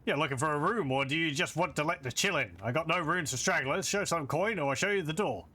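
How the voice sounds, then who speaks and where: A man's voice: on the high side, quick pace, bright, forceful tone, voice pushed up. A man voicing a surly, suspicious innkeeper from a fantasy game, brusque and impatient.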